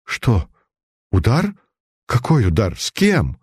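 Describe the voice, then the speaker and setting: Male narrator voicing a gentle middle-aged mother; low, mellow and soothing. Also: huge pitch swings, slow, slightly rough, dry recording, studio quality, full character voice. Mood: bewildered. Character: middle-aged mother, calm then bewildered.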